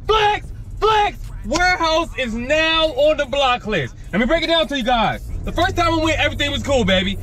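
Hyped high-voiced man vlogging from his car. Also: fairly bright tone, slight background noise. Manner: hypes rhymes, keeps saying baby. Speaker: gig delivery driver vlogger. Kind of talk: casual ride-along vlog. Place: inside a car. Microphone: dash camera facing driver.

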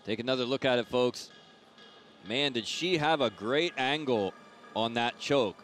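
A man's voice: medium pitch, a little slow, fairly bright tone, faint music behind. A man giving dramatic, emphatic MMA commentary as a ringside commentator.

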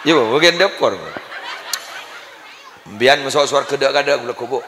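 A man preaching a comic sermon with a Madurese accent, jokey and lively, often laughing and breaking into chant, at a live religious gathering. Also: mid-range voice, a little slow, a crowd in the background, background noise. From Indonesia. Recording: echoey live hall with ambience.

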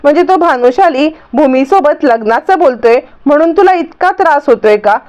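A woman reading the lines of a caring young woman who speaks gently and reassuringly. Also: high-pitched, expressive, moderate pace. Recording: dull lo-fi recording.

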